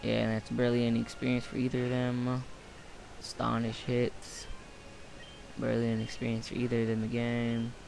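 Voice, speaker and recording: A man's voice: mid-range voice, completely flat delivery, fairly quick, gravelly, music in the background. A tired young man rambling through casual let's-play commentary late at night, offhand and full of fillers. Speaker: gameplay commentator. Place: home room, late night.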